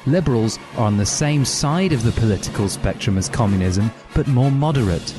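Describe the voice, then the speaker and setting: A man's voice: mid-range voice, animated, a little fast, music in the background, close to an everyday voice. A man doing a prim know-it-all schoolgirl. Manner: prim, lecturing. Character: know-it-all teenage girl student.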